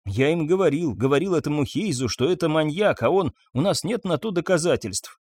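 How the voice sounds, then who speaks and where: A man's voice: a little high, expressive, brisk, slightly rough, pitched above the performer's own voice. Man as a shy earnest young man. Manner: hesitant, quietly earnest.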